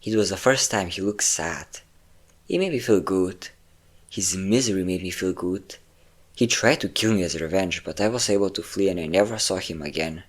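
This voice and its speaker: Coldly vindictive, a man with a low-pitched voice speaking at normal speed plays an obsessive, possessive vampire lover. The monologue is theatrical and intimate, with lingering words and sighs that reveal the character's vanity and cruelty.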